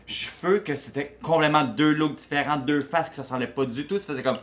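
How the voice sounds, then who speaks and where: A man's voice: on the high side, quick pace. A native French-speaking man with a Quebec accent, chatting casually and slangily, slipping between French and English. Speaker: drag show review co-host. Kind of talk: casual bilingual chat.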